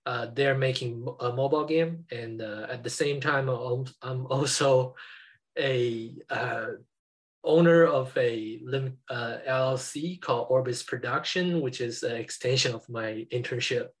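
A young man from China introduces himself as a guest on a video call. He talks haltingly, filling his pauses with frequent "uh" sounds. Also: mid-range voice. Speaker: panel guest.

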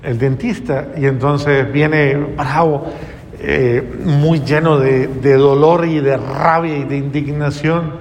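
Earnest male preacher, slightly high voice, long hall echo. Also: fairly even intonation, slow pace, a little mellow, a little hiss or hum. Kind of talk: sermon.

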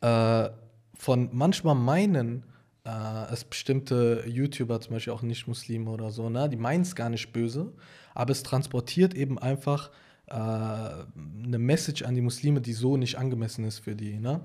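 A man in his twenties chatting casually, pausing to search for words and checking in with question tags. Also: medium pitch, warm tone. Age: 20s. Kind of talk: casual chat.

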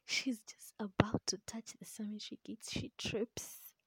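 A woman's voice: mid-range voice, steady tone, unhurried, husky, no room sound. A young woman retelling a book in a casual, chatty ASMR whisper close to the mic, throwing in asides and swearing.

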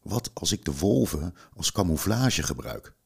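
A man's voice: deep voice, sing-song, unhurried, vocal fry, slightly rough, heavily acted. A man voicing a brave, determined young girl. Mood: eager. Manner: urgent, commanding.

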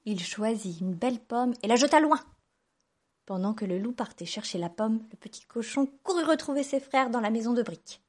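A woman reading a children's fairy tale aloud in a gentle, even storytelling manner. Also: fairly high pitch, moderate pace.

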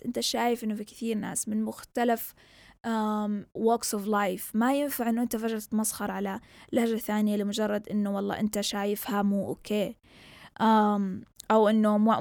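Her medium-pitched voice carries vocal fry and a slightly mellow quality, captured in studio quality without echo. A young southern Yemeni woman hosting her own casual podcast, she talks in a loose, rambling way, her accent mixing Yemeni and Saudi Gulf Arabic, and she moves back and forth between Arabic and English.

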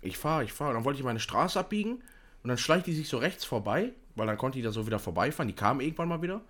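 A young man chatting casually, telling an animated story with lots of fillers and restarts. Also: mid-range voice, quick pace. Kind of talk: casual chat.

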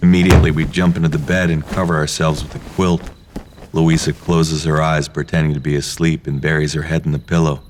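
A man narrating a first-person story in a low, hushed, intimate reading. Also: little pitch movement, brisk, slight background noise. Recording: faint music behind.

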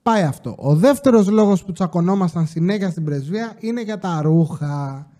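A man's voice: sits high, lively intonation, dark tone. A man casually telling stories from his security job, swearing freely and acting out the people he quotes with exasperation. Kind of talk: casual storytelling monologue.

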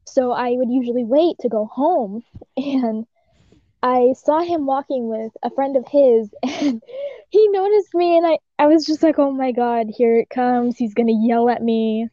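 A young woman telling a story in a giggly, expressive way, acting out what people said. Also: sits high, a little slow, dry recording, lo-fi sound. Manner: giggly, expressive, acts out quotes. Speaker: podcast co-host. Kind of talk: casual storytelling chat.

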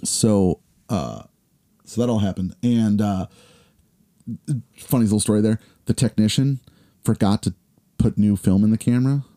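A man in his forties, a podcast co-host, telling a long story in casual chat with lots of fillers, acting out the people he quotes in higher voices. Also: normal speed, long pauses, mellow. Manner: rambling, filler-heavy storytelling.

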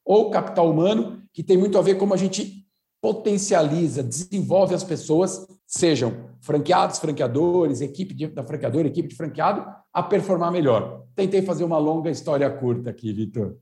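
A fifty-year-old man from Brazil speaks as a podcast guest with a somewhat high yet dark, mellow voice. He explains patiently and didactically, circling back with fillers and restarts. His voice carries a noticeable room echo. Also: expressive, normal speed. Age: 50s. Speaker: consultant guest. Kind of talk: podcast interview. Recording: roomy echo.

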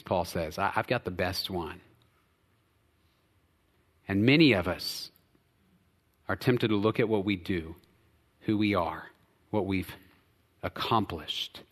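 Preaching as pastor in a church sanctuary, an American man swings between loud, emphatic stretches and quiet, low drops. The church hall gives the recording a long reverb.

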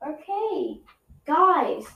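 Chatty high-voiced woman podcaster. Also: sing-song, drawn-out words, creaky, dull audio. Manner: rambling, chatty, with frequent self-corrections. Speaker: podcast host. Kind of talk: casual solo podcast chat. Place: home room.

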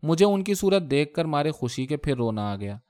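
A man narrating a first-person story in a measured, expressive reading. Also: fairly high pitch. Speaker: story reader.

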